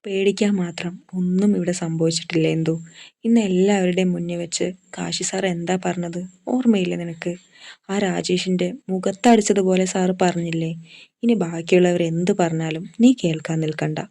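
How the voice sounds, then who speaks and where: A woman's voice: lowish voice, fairly even intonation, moderate pace, mellow. A woman voicing a caring young woman friend who talks in a firm, reassuring way.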